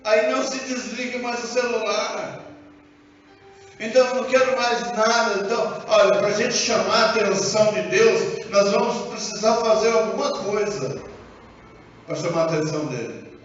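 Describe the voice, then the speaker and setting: A man with a Brazilian Portuguese accent preaching a sermon as pastor in a church, animated and acting out dialogue. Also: sits high, moderate pace. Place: church sanctuary. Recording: echoey hall from far off, dull sound, music behind.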